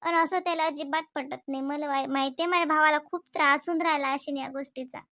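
A woman's voice: high-pitched, fairly even intonation, quick pace, pushed and bright, no room sound. A woman speaking, playing a worried wife in a domestic comedy skit who complains and grows heated. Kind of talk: scripted domestic comedy dialogue.

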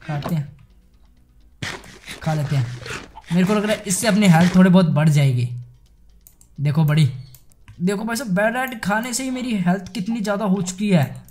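A young man giving chatty, excitable commentary while playing a game, talking straight to his viewers. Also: sits high, normal speed, pauses often, slight background noise. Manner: chatty, excitable, addresses viewers as guys and bhai sahab. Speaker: gaming YouTuber. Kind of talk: casual Minecraft let's play commentary.

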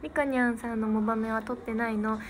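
A teen idol from Niigata, Japan, keeps up a quick, casual livestream chat, thanking viewers for their comments. Her pitch is fairly high with fairly even intonation, and the stream audio is noisy.

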